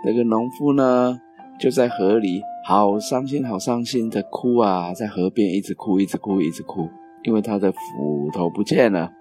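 A man narrating children's stories in an animated way, with sound effects and playful repetition. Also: fairly low pitch, moderate pace, soft background music. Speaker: storyteller.

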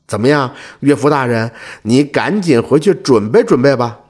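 A man voicing a sly male snake immortal in a folk tale, speaking slowly and drawing out his words in a teasing way. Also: medium pitch, expressive, a little mellow, lightly acted. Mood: smug. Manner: slow, drawn-out, teasing.

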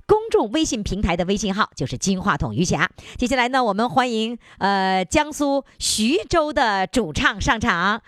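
A woman's voice: mid-range voice, lively intonation, normal speed, few pauses, a bit bright, no echo, studio quality. A woman with a Northeastern Chinese accent hosting a radio call-in show in a chatty, exclamatory, bantering way. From Northeast China.

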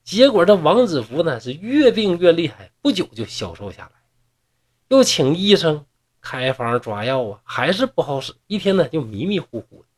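Northeastern guy telling an old tale, chatty asides, husky, slightly high voice. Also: sing-song, normal speed. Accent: Northeastern Mandarin. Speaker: storyteller. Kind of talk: folksy oral storytelling.

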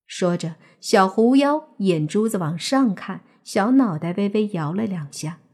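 A woman narrating a serialized novel in steady storytelling. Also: medium pitch, measured pace, slightly rough. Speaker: audiobook narrator.

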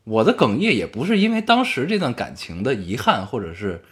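Beijing man with lively, swinging intonation. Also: mid-range voice, a little fast. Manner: colloquial, swears casually. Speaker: radio show co-host. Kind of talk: casual chat.

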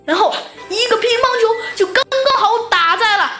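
High bright woman telling a children's story. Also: normal speed. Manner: lively, chatty with filler particles. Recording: echoey room with background music.

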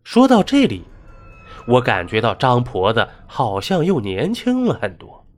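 A man's voice: mid-range voice, wildly swooping pitch, a little slow. A man narrating a folk ghost story in a dramatic, rising and falling delivery.

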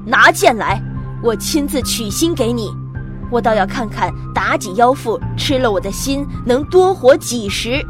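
A woman voicing an old, loyal male minister, indignant and defiant, with loud outbursts. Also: a little high, expressive, unhurried, over music, voice pushed down. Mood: furious.

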